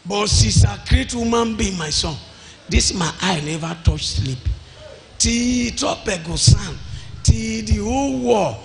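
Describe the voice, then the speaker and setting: A man's voice: high-pitched, expressive, takes it slowly, gravelly, faint music behind. A man with a Nigerian accent preaching an emphatic sermon in short, repeated phrases on a handheld microphone in a large church hall. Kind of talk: impassioned sermon in Pidgin-inflected English. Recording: noisy large-hall PA recording.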